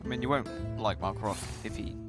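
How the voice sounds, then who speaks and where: A man's voice: fairly low pitch, quick pace. A man with an English West Country accent giving casual live card game commentary. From south-west England. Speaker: esports commentator. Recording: loud guitar game music behind. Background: loud game music with guitar.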